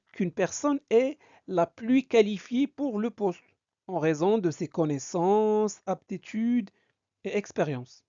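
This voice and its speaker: Woman teacher, slow explanatory delivery, mellow voice, dull dry lo-fi recording. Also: medium pitch, no room sound. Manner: slow, explanatory, checks understanding. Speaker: French teacher. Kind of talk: reading and explaining a dialogue.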